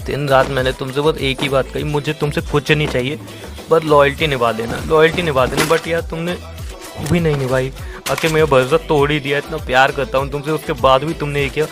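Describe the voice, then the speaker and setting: A man's voice: fairly high pitch, fairly even intonation, brisk. A young man on a voice call, crying as he pleads with and accuses his partner in Hindi-language chat. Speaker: gamer chatting with his partner. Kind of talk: emotional voice-chat argument. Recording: music playing underneath.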